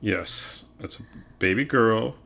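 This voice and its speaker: Very deep-voiced man, rambling casual chat. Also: slow, vocal fry. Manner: animated, rambling with many likes, gets loud when emphatic. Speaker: podcast host.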